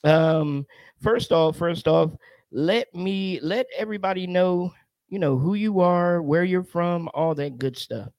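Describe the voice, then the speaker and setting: A male radio show host talks in a casual, animated way, often laughing and doubling his words. His voice sits a little high, and it sounds close and dry, with no room around it. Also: measured pace, dry recording.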